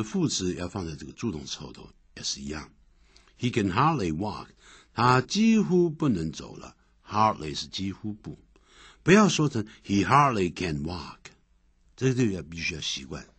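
Guy teaching english grammar, deep husky voice, pitch jumps all over, repeats examples a lot. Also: no echo. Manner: explains step by step, repeating example sentences. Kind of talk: classroom-style grammar lecture.

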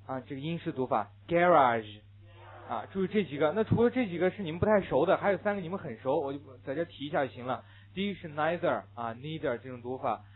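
A male English teacher giving a classroom lecture, repeating English words slowly for his students to read along. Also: on the high side, husky. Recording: narrow phone-like lo-fi sound.

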